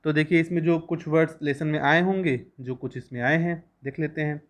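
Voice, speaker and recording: A young man teaching a school English lesson, reading lines slowly and then explaining them at length. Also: a little high, steady tone.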